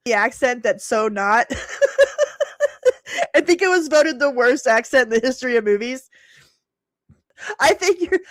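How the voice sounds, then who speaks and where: A woman's voice: a little high, no echo, studio quality. A middle-aged woman hosting a live stream, chatting casually, laughing often and answering viewers by name.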